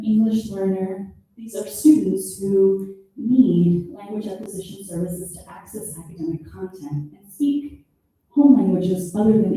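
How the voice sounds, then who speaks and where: Woman, conference talk, measured explanatory delivery, very dark muffled tone, echoey hall. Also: medium pitch. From born in Peru, raised in the United States. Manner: measured and explanatory, stretching key terms. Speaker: special education professor presenting research. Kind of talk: academic conference presentation. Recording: echoey room, voice distant from the mic.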